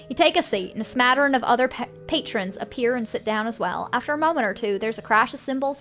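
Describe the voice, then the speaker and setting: Woman, game streamer, fairly high voice, reading story text aloud, casual reactions, faint music behind. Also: a bit bright.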